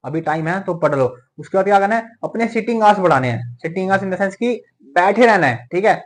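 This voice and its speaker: A young man giving a motivational talk to exam students, tagging nearly every point with a quick "theek hai". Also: high-pitched, expressive. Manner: fast, repeats "theek hai" as a tag. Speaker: medical entrance exam mentor.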